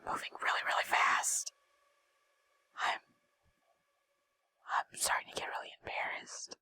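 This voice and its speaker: A person in a whispered role-play, giving wry, deadpan, teasing reactions. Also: a little slow. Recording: whisper over loud music.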